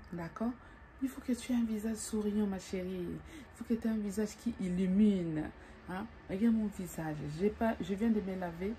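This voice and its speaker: A middle-aged woman talks into her phone from her bed, giving advice in a chatty, animated way. Her voice is mellow and somewhat low, and she keeps checking in with the listener. A faint hiss of room noise sits underneath. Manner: chatty, repeats tag questions, addresses viewer as darling; animated, acts out greetings. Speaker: vlogger giving dating advice. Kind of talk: casual advice monologue to camera. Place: bedroom, lying in bed.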